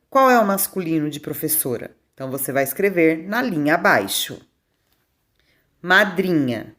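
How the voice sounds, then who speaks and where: Woman teacher dictating a test. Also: on the low side. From Brazil. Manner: slow, clear dictation with questions to the class. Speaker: primary school teacher. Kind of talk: reading out a test to young pupils.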